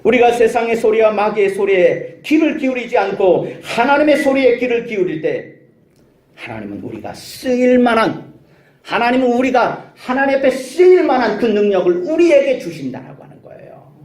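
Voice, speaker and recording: This sermon comes from a man with an extremely high, sing-song voice, moderately paced and slightly mellow. Preaching in an echoing church sanctuary, he's emphatic, asking rhetorical questions and calling out hallelujah.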